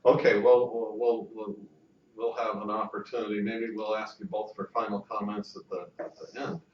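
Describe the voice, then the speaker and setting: A man's voice: lowish voice, flat delivery, normal speed, roomy sound, slight background noise. Male interviewer, hesitant with fillers, heard from a distance, muffled lo-fi sound. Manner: hesitant, repeating words and fillers. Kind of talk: interview questions. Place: university building.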